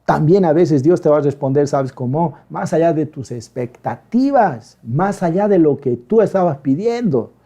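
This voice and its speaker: A male pastor giving a lively, conversational sermon, acting out quoted voices in quick emphatic bursts. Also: fairly high pitch.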